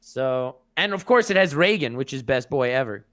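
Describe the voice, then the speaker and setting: A man's voice: medium pitch, animated, normal speed, a bit bright. A man hosting a casual podcast chat, teasing and sarcastic.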